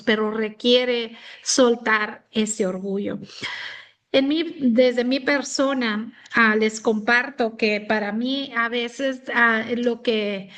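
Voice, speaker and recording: A woman raised in the United States, giving a reflective Bible teaching talk with many pauses and fillers. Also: a little high, a bit bright. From United States, of Mexican descent. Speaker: women's ministry speaker.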